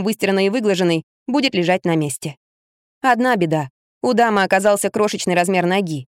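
A woman reading a first-person story aloud in an expressive way. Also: medium pitch, dry recording, clean studio sound. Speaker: audiobook narrator. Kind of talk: first-person audiobook narration.

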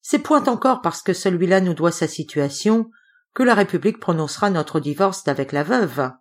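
A woman's voice: lowish voice, lively intonation, normal speed. A woman doing Siméon, a sneering rustic bandit. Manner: rustic dialect, scornful. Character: sneering rustic male forest bandit brother.

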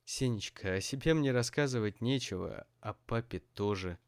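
A man's voice: mid-range voice, normal speed, clear, resonant tone, natural voice. A man voicing an anxious older mother who pleads with and soothes her son in an audiobook.

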